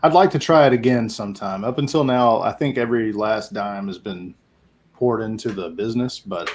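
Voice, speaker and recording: A man answering questions as a guest on a casual livestream, rambling, with restarts, trailing off softly and laughing often. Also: fairly low pitch, moderate pace, a little hiss or hum. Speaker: guest, small business owner. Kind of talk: casual interview chat.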